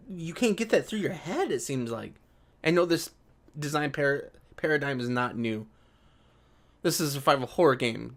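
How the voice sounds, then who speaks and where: In a mid-range, fairly bright voice, a man reads an article out loud and breaks off to react to it with casual commentary. He's a video creator whose remarks are sarcastic, and he sounds exasperated and swears a lot.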